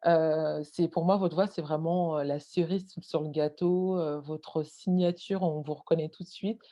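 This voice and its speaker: A woman hosting a podcast interview, asking her questions in a halting way with many fillers. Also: low voice, fairly even intonation, warm tone. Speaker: podcast host.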